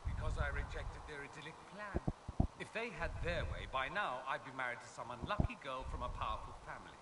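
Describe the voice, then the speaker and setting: A man's voice: medium pitch, animated, a little fast, recorded from a distance, heavy background noise, natural voice. A man voicing a charming, haughty male noble mage in video game dialogue, proud and witty with theatrical flourishes. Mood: wry, proud.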